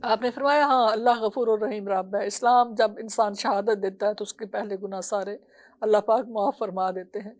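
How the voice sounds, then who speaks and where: A woman's voice: mid-range voice, fairly even intonation, darkish tone. A middle-aged woman preaching a sermon, telling a story with emotional sighs and laments. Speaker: religious preacher.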